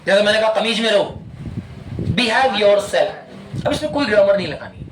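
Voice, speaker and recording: Male English teacher, high voice, drills students with questions; noisy classroom. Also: expressive. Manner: quizzing students with repeated questions, drawn-out English phrases. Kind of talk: classroom language lesson. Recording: echoey room with loud background noise.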